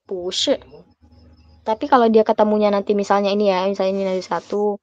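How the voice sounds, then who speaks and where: A young woman giving a relaxed, chatty private language lesson, patient and quick to laugh. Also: medium pitch, dry recording, dull audio. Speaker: Mandarin tutor.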